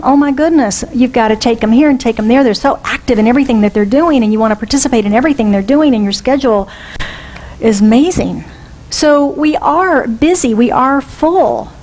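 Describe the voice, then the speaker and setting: Woman minister, fairly high voice, chatty sermon, questions to the congregation. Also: expressive, moderate pace, a little mellow, low-quality recording. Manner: conversational, asks the congregation questions. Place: church sanctuary.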